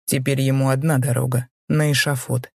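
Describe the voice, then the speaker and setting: A woman reading as a young male rebel lord who speaks low, cold and contemptuous. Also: little pitch movement, brisk, gravelly, no echo, clean studio sound, exaggerated voice.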